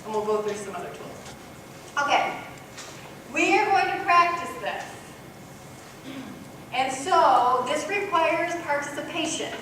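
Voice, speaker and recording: A woman giving a parenting workshop to a live group, animated, acting out parent and child voices. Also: sits high, unhurried, pauses often, recorded from a distance, a little hiss or hum. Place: workshop room. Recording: echoey room recorded from afar.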